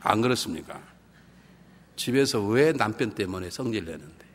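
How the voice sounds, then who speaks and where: A male pastor giving a revival sermon, animated and humorous, swinging between hushed and loud and acting out quoted voices. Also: lowish voice, normal speed. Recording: reverberant hall with faint background noise.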